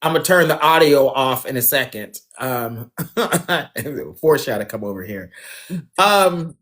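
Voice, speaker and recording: A man's voice: mid-range voice, animated, a little slow, a bit bright. A man hosting a dating show on a phone livestream, chatting casually, talking straight to viewers and laughing often.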